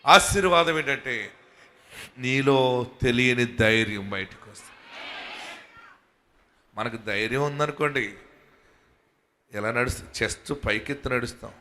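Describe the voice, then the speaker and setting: A man with a Telugu accent preaching a sermon as a pastor, moving from quiet talk to loud fervent shouting. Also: mid-range voice, a little slow, long pauses, slight background noise. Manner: calls the congregation to say hallelujah. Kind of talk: Telugu sermon with prayer and promises.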